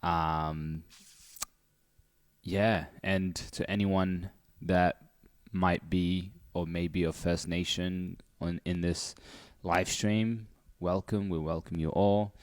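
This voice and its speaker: A man's voice: low-pitched, flat delivery, slow, no room sound. A man speaking casually as a panellist in a livestream discussion. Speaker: youth arts panellist.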